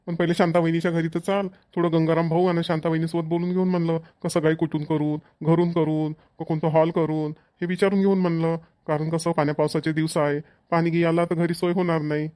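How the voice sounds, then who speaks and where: A man acts a chatty, middle-aged village father in a cartoon comedy, practical and a bit bossy, sounding brisk as he makes plans. He talks rapidly in a fairly high, darkish voice with a Varhadi Marathi accent, repeating himself for emphasis with a flat delivery. The natural voice is clear and resonant, recorded clean in a studio with no room sound.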